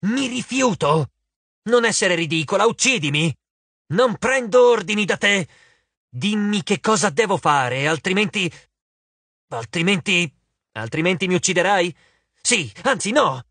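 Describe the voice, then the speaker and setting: Guy doing a screechy vain spider lady from a storybook, high voice swinging all over the place. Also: sing-song, normal speed, a bit bright, no echo. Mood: indignant. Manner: shrill, shrieking outbursts. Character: vain, touchy giant spider woman.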